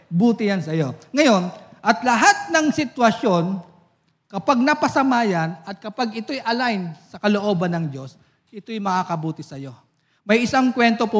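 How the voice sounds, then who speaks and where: A male pastor preaching a sermon at a church service, telling stories with a laugh and asking the congregation for amens. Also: sits high. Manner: lively storytelling, laughs often, asks the congregation for amens.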